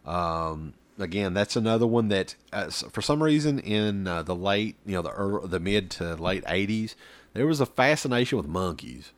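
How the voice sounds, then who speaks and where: A man with a very low voice rambles through a casual chat, full of fillers and the odd swear word. His pitch swings widely as he talks. The sound is dry and close. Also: lively intonation, normal speed, dry recording. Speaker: podcast co-host. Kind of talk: casual chat about horror films.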